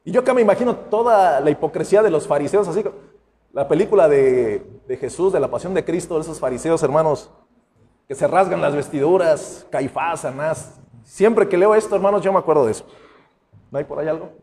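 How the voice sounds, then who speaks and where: A man's voice: fairly high pitch, expressive, a little fast, mellow. A man preaching a sermon as pastor, with a conversational style, acting out the voices of the people he quotes. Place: church sanctuary. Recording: long church hall reverb.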